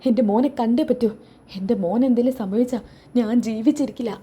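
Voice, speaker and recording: A frantic middle-aged mother wails and begs for news of her son, as a woman puts her on. The voice sits high yet sounds deeply mellow and soft-edged. She pleads more than she speaks. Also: fast talker, slightly rough. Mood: pleading. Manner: wailing, pleading.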